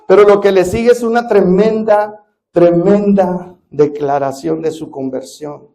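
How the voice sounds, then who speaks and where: A pastor preaching to his congregation in a church. His voice sits high for a man. He presses hard on key words, then drops to a hush, and keeps asking the room questions. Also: unhurried, vocal fry. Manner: emphatic preaching, swinging between loud stresses and hushed drops. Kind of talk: sermon.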